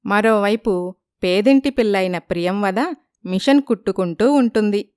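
Woman narrating a story, smooth, dry voice. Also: medium pitch, normal speed, no echo. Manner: even, storytelling.

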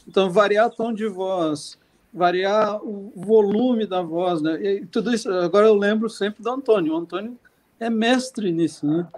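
A man's voice: high-pitched, a little hiss or hum. A man co-hosting a podcast, chatting casually and rambling with lots of fillers. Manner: rambling, many fillers and restarts. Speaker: podcast co-host. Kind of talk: casual chat.

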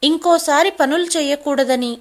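A woman voicing an angry, bossy young wife who scolds and shouts in a storybook drama. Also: sits high, normal speed. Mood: angry scolding.

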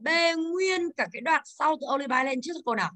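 Bright-voiced teacher drilling a class. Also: female voice, sits high, expressive, fast. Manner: drilling, asks the class questions. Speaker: English teacher.

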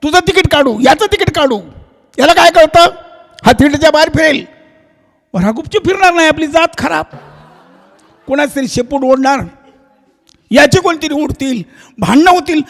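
A man's voice: very high-pitched, expressive, normal speed, pauses often, a bit bright, heavily acted. A man voicing an angry father dog who grumbles indignantly about the cost of tickets. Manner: indignant, ranting complaint. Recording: long stage-hall reverb.

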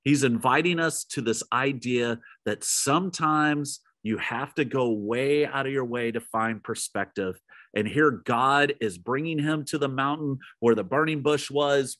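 A man at mid pitch preaches to his congregation, retelling a story and talking to them directly. Now and then he sinks into a hushed low tone to stress a point. The sound is close and dry, with no room echo. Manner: storytelling, drops to a soft low voice for emphasis; speaks straight to listeners. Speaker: pastor. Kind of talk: midweek sermon.

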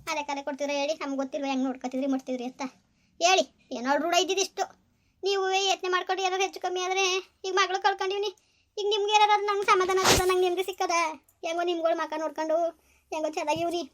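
Woman, very high voice, fast talk, scolding and pleading, village skit. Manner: scolding, pleading, repeating questions. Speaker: grieving mother-in-law. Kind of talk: village comedy skit acting.

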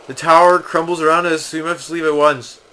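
A man's voice: a little high, steady tone, fairly quick, sharp tone, clean tone, low-quality recording. A man voicing a pompous, theatrical video game hero, reading the dialogue aloud. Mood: grave. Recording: game music behind.

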